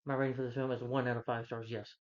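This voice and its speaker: A man's voice: medium pitch, little pitch movement, very fast. A man delivering an angry, scornful review rant, speaking bluntly and emphatically and repeating phrases to drive his point home. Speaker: film reviewer. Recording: dull lo-fi audio.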